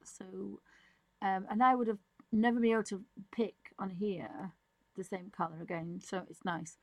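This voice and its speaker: A woman's voice: mid-range voice, fairly even intonation, normal speed, a little mellow, dry recording, low-quality recording. A woman giving a casual, unscripted art tutorial, musing and thinking aloud as she draws. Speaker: digital art tutorial presenter. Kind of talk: casual, unscripted demonstration commentary.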